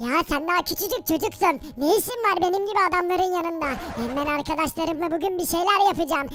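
A performer voicing a grumpy, irritable teenage boy who complains loudly in a game role-play skit. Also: very high voice, fast talker, pitched below the performer's own voice.

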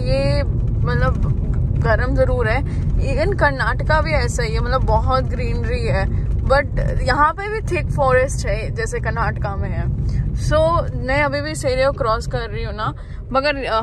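A young woman chatting casually to viewers on a road-trip vlog, mixing Hindi and English, recorded on a dashboard phone in a moving car. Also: fairly high pitch. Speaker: travel vlogger. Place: inside a car on a highway. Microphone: phone camera mounted on the dashboard. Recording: noisy car interior recording. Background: car and road noise.

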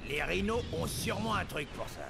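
An actor voicing an excitable, gruff male sidekick in a video game, calling out exclamations. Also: sits high, fairly quick, music in the background, exaggerated voice. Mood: excited. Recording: game audio with loud engine noise.

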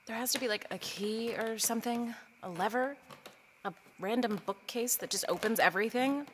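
A woman's voice: a little high, normal speed, natural voice. A woman playing a flustered, sarcastic young woman in an audio drama. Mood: sarcastic muttering. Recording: noisy, slight hall reverb.

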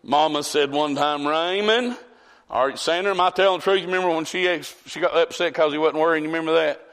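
Folksy preacher in a reverberant church. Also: male voice, fairly high pitch, fast talker. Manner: folksy, animated, calls out congregants by name. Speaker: pastor. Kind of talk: folksy storytelling sermon. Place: church sanctuary. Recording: long church hall reverb.

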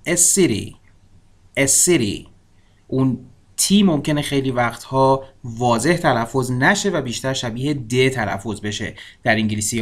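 A man teaching an English lesson, saying each word slowly and repeating it for learners. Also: medium pitch, a bit bright. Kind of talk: language lesson.

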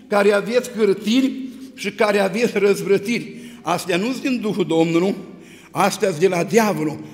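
Preacher guy, really high voice, big hall echo, gets fired up retelling stories. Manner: animated, retelling scripture with rising emphasis. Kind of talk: sermon. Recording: long hall reverb.

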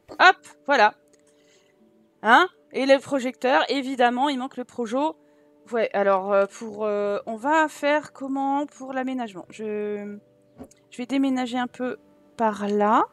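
A woman with a southern French accent giving casual let's-play commentary, chatting to her viewers and thinking aloud as she decorates. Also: on the high side. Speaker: gaming YouTuber.

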